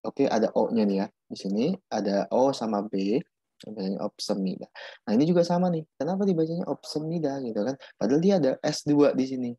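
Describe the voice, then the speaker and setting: A man's voice: medium pitch, animated, fast talker, few pauses, warm tone, husky, dry recording. A man teaching Korean pronunciation in a casual online class, repeating himself and restarting while he explains. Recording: dull muffled audio.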